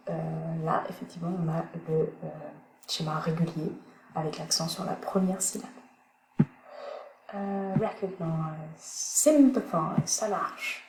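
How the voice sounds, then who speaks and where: A woman teaching English pronunciation in a recorded online lesson, thinking aloud with many pauses as she searches for words. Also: fairly low pitch, creaky. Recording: echoey room, faint background noise.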